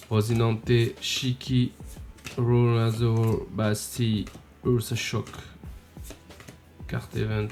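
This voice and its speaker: A man with a French accent chatting casually to viewers while opening trading card packs. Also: medium pitch. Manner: chatty, addresses viewers as "les gars", reads card names in bursts.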